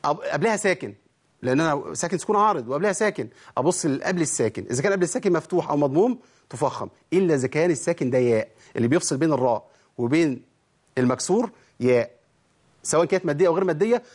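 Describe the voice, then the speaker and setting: A man's voice: on the high side, animated, racing, a little mellow, husky. A man with an Egyptian Arabic accent teaching tajweed rules, quizzing his listeners and answering his own questions. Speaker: Quran recitation teacher. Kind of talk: tajweed lesson.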